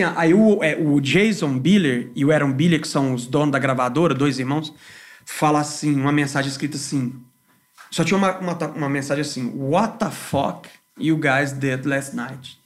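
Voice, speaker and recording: Male musician guest, high-pitched, lively and slangy as he tells stories. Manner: animated, slangy, swears freely. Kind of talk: casual podcast storytelling.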